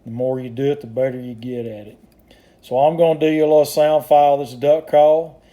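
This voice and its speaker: A man giving a casual product demonstration as a maker of hunting calls, explaining in a plainspoken, folksy, unhurried way. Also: medium pitch, level tone, dark tone. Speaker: duck call maker demonstrating his product.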